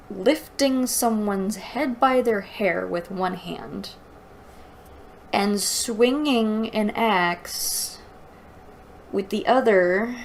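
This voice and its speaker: Hosting a book review, a woman reads aloud and offers mocking, incredulous commentary, sounding exasperated. Her voice is fairly high-pitched, with a little hiss or hum in the recording.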